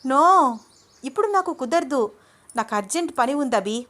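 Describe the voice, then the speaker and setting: A woman voicing a jealous, hot-tempered young woman who scolds and shouts in a raised voice. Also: sits high, lively intonation, normal speed, voice pushed up. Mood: angry.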